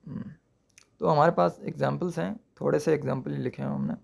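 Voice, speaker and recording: A man's voice: on the high side, steady tone, creaky, slightly rough. A man teaching Persian grammar patiently, repeating each word and asking rhetorical questions. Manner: checks understanding with rhetorical questions. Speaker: language teacher.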